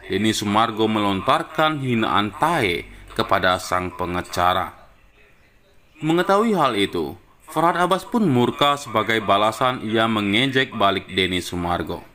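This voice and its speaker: A man with a lowish voice reads a news script. His delivery is even and formal throughout. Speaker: news narrator.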